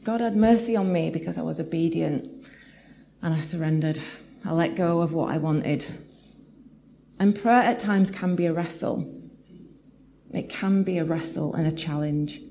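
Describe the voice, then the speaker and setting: A woman preaching a sermon in a church, earnest and reflective, slowing down to read scripture aloud. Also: deep voice, creaky, dark tone, slight background noise. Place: church hall with live audience.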